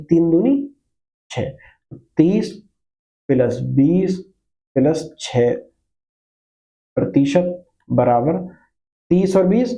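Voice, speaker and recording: On a low-quality recording, a man whose voice is a little high and warm explains math to his class one step at a time. He speaks Hindi sprinkled with English terms, posing questions and going back over the important points.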